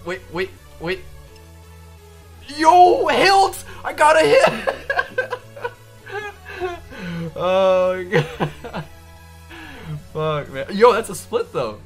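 A man streaming a video game, hyped up, shouting in bursts and swearing as he plays. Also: high-pitched, sing-song, drawn-out words, long pauses, faint music behind. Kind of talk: excited gameplay streaming.

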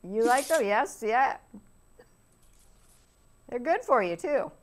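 A woman's voice: on the high side, animated, slow pace, a little hiss or hum. A woman hosting a casual cooking segment, encouraging her guest and repeating back what he says. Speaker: host.

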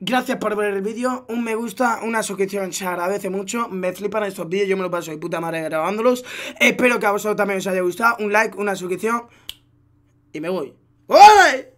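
A young man with a Spain Spanish accent, a gaming YouTuber reacting to gameplay, muttering low one moment and yelling loud, profane hype-caster calls the next. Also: fairly quick. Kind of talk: excited gameplay reaction commentary.

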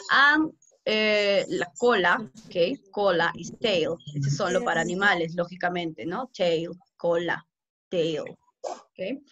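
A woman English teacher with a Peruvian Spanish accent, giving an online class slowly and with a lot of repetition. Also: on the low side, sharp tone. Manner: slow and repetitive, code-switching. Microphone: video call. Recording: muffled video call audio, faint noise.

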